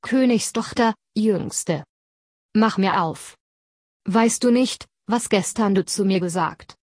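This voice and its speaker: A woman's voice: mid-range voice, takes it slowly, darkish tone, no echo, clean studio sound. A woman reading as a pleading storybook frog. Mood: demanding. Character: frog begging a princess, male, pleading.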